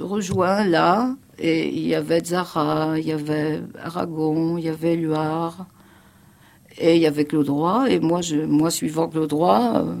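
An older woman telling her memories on the radio, halting, with many fillers and restarts, bringing others' words to life as she tells them. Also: on the low side, a little mellow. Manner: vivid storyteller quoting others. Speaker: witness recounting her past. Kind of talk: spoken memoir on radio.

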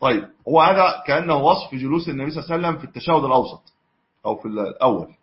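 A man's voice: mid-range voice, racing. A man teaching a religious lesson on hadith, mixing classical with colloquial asides and correcting himself as he goes. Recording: dull lo-fi lesson recording.

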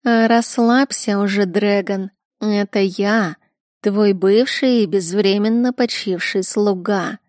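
A woman's voice: mid-range voice, steady tone, slow pace, darkish tone, no room sound, studio quality, close to an everyday voice. A woman playing a sly, drawling cat-man.

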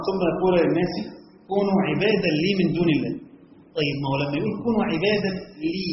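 A man with an Egyptian Arabic accent teaching a classroom lecture on Quran commentary, quizzing listeners with quick questions and reciting verses slowly. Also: high-pitched, slight background noise. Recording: echoey hall, dull lo-fi sound.

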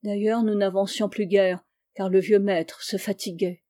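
A woman narrating a literary story as an audiobook, with expressive, dramatic delivery. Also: medium pitch, a little slow. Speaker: audiobook reader.

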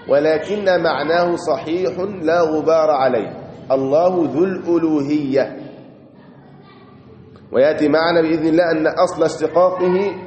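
A man with an Egyptian accent teaches a religious lesson in a mosque, his voice sitting a little high for a man. He reads a passage, then slows down and draws out the key words to explain them. The hall rings with a long, roomy echo. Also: a little mellow, a little hiss or hum. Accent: Egyptian Arabic. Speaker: Islamic teacher. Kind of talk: mosque lesson commentary on a creed text. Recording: echoey hall with long reverb.

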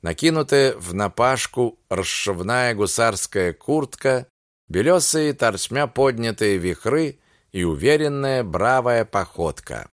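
A man narrating a literary audiobook in a measured, unhurried storytelling manner. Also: medium pitch, animated, no echo, studio quality.

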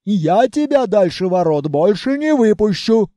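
A man's voice: high-pitched, very animated, measured pace, dark tone, no echo, clean studio sound. A man voicing a stern, fussing old grandmother who heals by magic in an audiobook. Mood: scolding. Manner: scolding, commanding.

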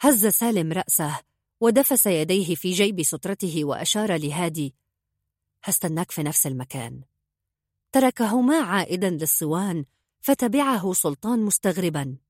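A woman narrating a novel in a steady storytelling manner. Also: moderate pace, no echo, studio quality. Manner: steady storytelling, dips low for characters' lines. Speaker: audiobook narrator. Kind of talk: scripted narration.

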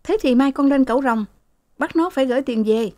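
A woman voicing a sulky, spoiled young man who threatens his mother, in a quick, whining audiobook reading. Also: high voice, mellow, no room sound, voice pushed up, lightly acted. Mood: defiant.

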